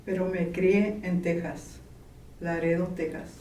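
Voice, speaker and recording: A woman from Mexico, slowly and gently reminiscing in an interview. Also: lowish voice, steady tone. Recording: roomy, distant, faint background noise.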